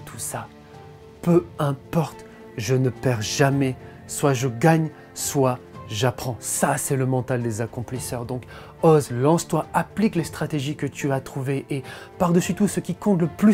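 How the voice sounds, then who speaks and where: A man's voice: a little high, warm tone. A man giving a motivational coaching talk, speaking emphatically and directly to the listener.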